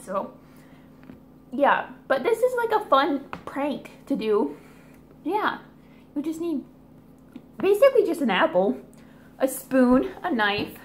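Woman vlogger, casual prank video, chatty, bubbly, lively pitch, faint background noise. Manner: bubbly, chatty, whispers asides. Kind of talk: casual DIY prank vlog.

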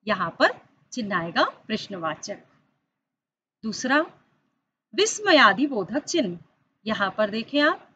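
Female teacher, online school lesson, animated higher voice, dull recording with faint hum. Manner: explains step by step, addresses the children directly; stresses key words with rising pitch on examples. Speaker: Hindi teacher.

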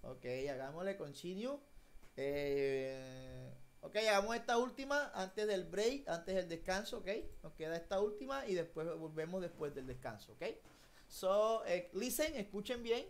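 Lively, encouraging children's English teacher. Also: medium pitch, unhurried. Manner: patient, encouraging, coaxing children by name. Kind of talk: online class for kids, mixing Spanish and English.

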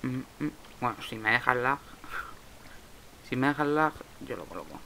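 Gravelly young Spaniard muttering through gameplay. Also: male voice, mid-range voice, animated, moderate pace, pushed and bright, slight background noise, poor audio. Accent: Spain Spanish. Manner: muttering to himself, swearing at lag. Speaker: Minecraft let's player. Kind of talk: casual gameplay commentary.

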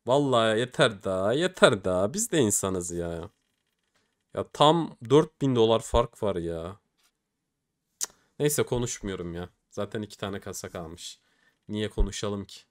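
A man's voice: fairly low pitch, sing-song, a little slow. A young man commenting casually on opening game cases, often pleading and groaning at the results. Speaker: case-opening streamer.

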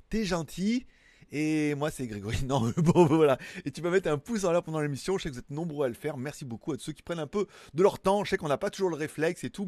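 A chatty man hosts a tech news show with a fairly high voice, rambling between topics and tossing in jokey asides. He sits close to the mic in a dry, dead-sounding room. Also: a little mellow, no room sound. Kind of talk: casual chat.

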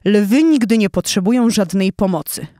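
A woman's voice: medium pitch, lively intonation, unhurried, a little mellow, no echo, close to an everyday voice. Brief: pompous male lion king, scornful and blustering, read by a woman, dry close sound. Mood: proud. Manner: scornful, blustering, later awkward and hesitant.

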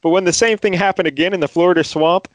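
A man co-hosting a casual podcast chat, laid-back and quick to laugh. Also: high voice, no echo. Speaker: podcast co-host.

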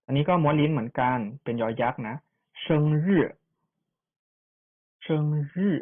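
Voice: mid-range voice, normal speed. A language teacher giving an online pronunciation lesson, repeating each syllable for students to copy, with chatty asides. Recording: tinny phone-like sound.

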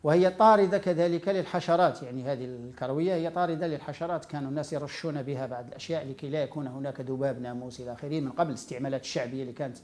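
Very fast-talking Moroccan man lecturing. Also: fairly high pitch, a little mellow. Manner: explains by listing items one after another. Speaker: nutrition educator. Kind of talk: informal health lecture.

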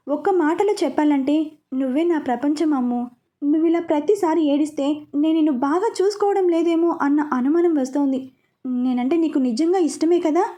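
A woman voicing a protective, loving young man in a spoken story, talking earnestly and gently. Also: sits high, lightly acted.

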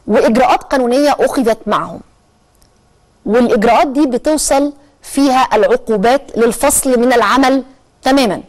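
An Egyptian woman presents a current-affairs programme in a brisk, rapid delivery, her voice sitting a little high. She explains at length, pausing on long drawn-out hesitation sounds before pressing on. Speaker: TV talk show host.

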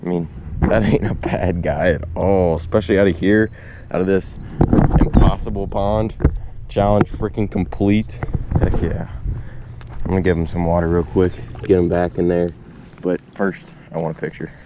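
A young adult man with a deep voice films himself fishing beside a suburban pond, using an action camera on his chest and at arm's length. He speaks at normal speed, excitable and slangy, calling viewers "y'all," with faint outdoor noise and the high frequencies cut off.

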